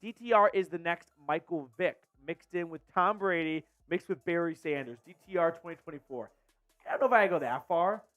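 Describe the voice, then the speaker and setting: A man's voice: fairly high pitch, brisk, dry recording, lo-fi sound. A man hosting a live fan watch-party stream, calling the plays and hyping his chat. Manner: excitable, hypes chat and reads super chats. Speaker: fan channel host doing live play-by-play. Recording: dry close mic with faint music.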